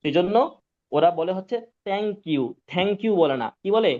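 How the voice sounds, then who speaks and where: His voice is high and expressive, his pace normal, as he runs a live online lesson on Quran pronunciation. Patient and repetitive, the teacher often checks in to see if students are keeping up; the recording sounds dull and lo-fi.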